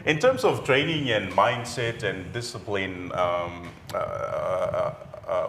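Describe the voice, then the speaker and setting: A man interviewing two athletes, halting with many fillers. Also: sits low, lively intonation, crowd noise. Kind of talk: casual interview. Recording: echoey room with faint noise.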